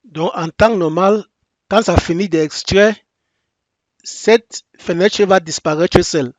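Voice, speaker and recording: Teaching software in a screen-recorded tutorial, a man whose first language is English speaks halting French with frequent restarts. His instructions are step-by-step and repetitive, his voice sits high, and the recording is dry.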